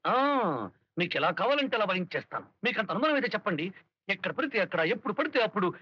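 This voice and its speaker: An actor playing a scheming, boastful harmonium player in a film comedy, theatrical in delivery. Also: male voice, high-pitched, lively intonation, racing, husky, no room sound. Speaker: comic lead. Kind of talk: Telugu film comedy dialogue. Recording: dry, dull film soundtrack.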